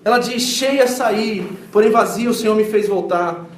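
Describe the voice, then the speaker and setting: A man preaching a sermon as pastor, telling the story with lively acted-out quotes and swings between loud and hushed. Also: high voice, normal speed. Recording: echoey hall miked from a distance.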